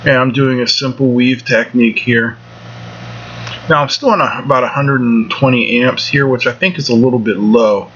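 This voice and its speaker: Medium in pitch and fairly bright, this voice has fairly even intonation and a moderate pace. It belongs to a middle-aged welding instructor and show host delivering a casual, plain-spoken, folksy lesson in a home shop as instructional voice-over, with dull lo-fi audio and faint air-conditioning hum.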